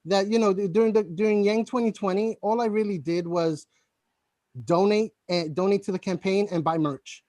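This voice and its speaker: Casting: man, high voice, volunteer thanking on a video call, stammers and restarts, dry close sound. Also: fairly even intonation, mellow, no echo. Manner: halting, stuttering, many restarts. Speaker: campaign volunteer. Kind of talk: casual video-call chat.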